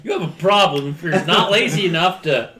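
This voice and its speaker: A man's voice: a little high, brisk, bright, forceful tone. A man joking and laughing with friends as a player in a tabletop role-playing game, with a slightly stoned-sounding drawl. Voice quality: sounds like a stoned drawl, by his own account. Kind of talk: casual tabletop game chat.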